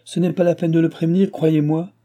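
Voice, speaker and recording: A man's voice: fairly high pitch, level tone, a little fast, warm tone, voice pushed up, lightly acted. A man voicing a bold, self-assured noble traveler who talks in a confident, commanding and slightly mocking way.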